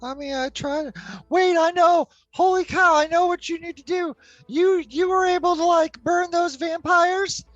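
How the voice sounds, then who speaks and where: A woman playing a tabletop game, casually switching between role-play and narration in a halting, animated way. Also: very high-pitched, no echo, muffled recording. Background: faint music.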